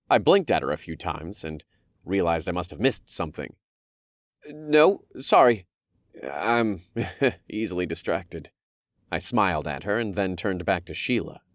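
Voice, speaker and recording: A man's voice: low-pitched, normal speed, no echo, studio quality. A man narrating a fantasy audiobook in the first person, with wry storytelling.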